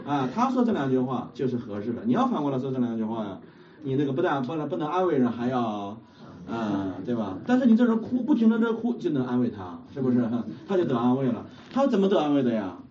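A man's voice: medium pitch, very animated, fast, dark tone. A man preaching a sermon in a church hall, constantly putting questions to the congregation and often laughing as he speaks. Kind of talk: sermon with call-and-response. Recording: muffled, distant, noisy room recording.

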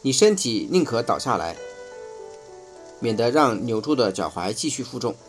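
A man reading a first-person nonfiction book aloud in a measured, explanatory way. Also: medium pitch, big pitch swings, soft background music. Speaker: audiobook reader.

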